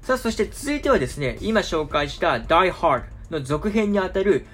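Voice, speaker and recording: A male film commentator talks casually to viewers, explaining things in a chatty style packed with long, easygoing asides and filler words. His voice sits high, sing-song and fairly bright, over soft background music.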